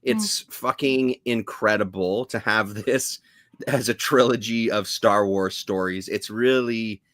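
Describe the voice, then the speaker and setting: Low-voiced man chatting with casual swearing. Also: fairly bright tone, no room sound, studio quality. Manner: enthusiastic, swears casually, drawn-out emphasis. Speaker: podcast co-host. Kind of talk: casual chat.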